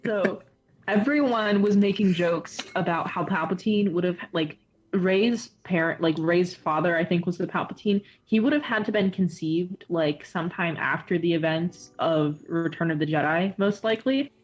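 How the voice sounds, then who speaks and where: A woman's voice: fairly low pitch, normal speed, dull audio. A young woman co-hosting a casual podcast chat, joking in a dry way. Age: young adult. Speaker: podcast co-host.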